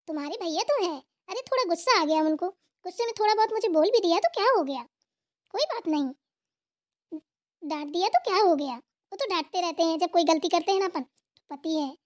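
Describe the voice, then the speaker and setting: A woman voicing a gentle young wife who consoles and rambles about her complaints, in a cartoon. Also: very high-pitched, pitched below the performer's own voice. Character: gentle young wife, bhabhi, soothing and chatty. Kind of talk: cartoon voice acting.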